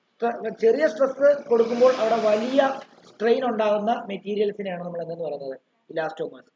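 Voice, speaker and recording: High-pitched teacher guy with a malayali accent, asks the class stuff then answers it, dull echoey recording. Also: darkish tone. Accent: Malayali English. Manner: asks questions then answers them himself, dictates notes. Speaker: physics teacher. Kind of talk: online class lecture. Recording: dull roomy recording with faint noise.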